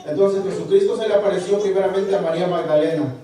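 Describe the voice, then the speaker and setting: A man preaching a sermon, halting and repeating words as he asks the congregation for agreement. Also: sits high, dark tone. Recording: echoey room, voice from far off the mic.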